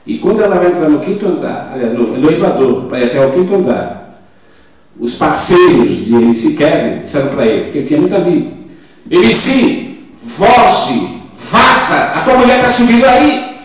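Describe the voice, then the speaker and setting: A Brazilian-accented pastor in his seventies delivers a sermon, jumping from quiet asides to sudden loud emphatic peaks and firing rhetorical questions at the congregation. His voice sits a little high for a man. He is heard from some way off the mic in a hall with heavy echo. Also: very animated, moderate pace, a little hiss or hum. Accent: Brazilian Portuguese. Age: 70s. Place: church in Portugal. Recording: very echoey church hall, mic at a distance.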